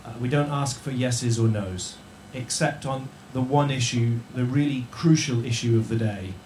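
A man hosting a live show to an audience in a yurt venue, jokey and halting, with many restarts and fillers. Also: mid-range voice, darkish tone. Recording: roomy tent echo, faint noise.

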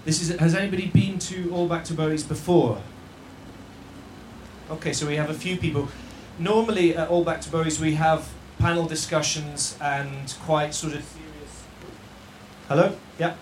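A man hosting a live show to an audience in a yurt venue, jokey and halting, with many restarts and fillers. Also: on the high side, steady tone. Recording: roomy tent echo, faint noise.

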